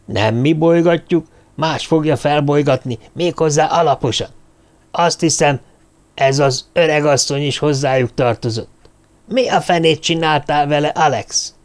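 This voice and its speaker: A man reading a blustering old male dwarf leader, loud and demanding. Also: a little high, pitched above the performer's own voice, close to an everyday voice. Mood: gruff demanding. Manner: loud, demanding, bangs on the table.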